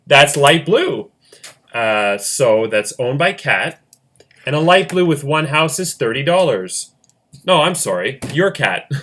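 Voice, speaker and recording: A man narrates a board-game round play by play in a chatty, joking way. His pitch jumps around a lot as he talks, and his voice has a bright, forceful edge. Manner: chatty, jokey asides, laughs often. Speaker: host running a fan game.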